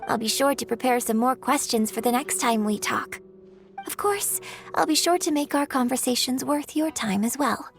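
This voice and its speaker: In scripted video game dialogue, a woman voices a refined, courteous young opera performer, using polite, formal, elegant phrasing. Her voice sits high and moves at a moderate pace, sounding curious and polite over soft background music.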